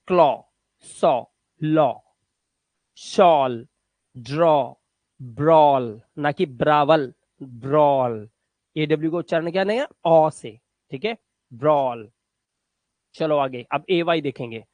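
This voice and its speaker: A man's voice: high-pitched, darkish tone, dry recording. A man teaching English pronunciation to students, repeating words one by one and checking in after each point. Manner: repeats words slowly, drills with frequent "theek hai?". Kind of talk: classroom lesson explaining to students.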